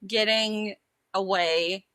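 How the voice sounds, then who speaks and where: A woman's voice: mid-range voice, fairly even intonation, drawn-out words, a bit bright, clear, resonant tone, no room sound. A young woman co-hosting a podcast in casual, chatty talk, giggling often and using lots of filler words. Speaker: podcast co-host. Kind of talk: casual chat.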